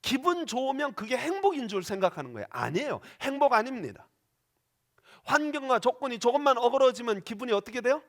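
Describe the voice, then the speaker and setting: A man's voice: very high voice, very animated, fairly quick, fairly bright tone. A male pastor preaching a sermon in a church, dramatic and questioning the congregation as he acts out quoted voices. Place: church sanctuary.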